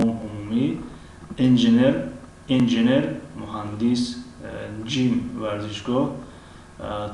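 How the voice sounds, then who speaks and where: A man with a Tajik accent teaching an English lesson. He pauses often with drawn-out fillers, clears his throat, and repeats each example word slowly. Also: lowish voice, a little mellow. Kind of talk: language lesson. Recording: very echoey room, mic at a distance, faint background noise.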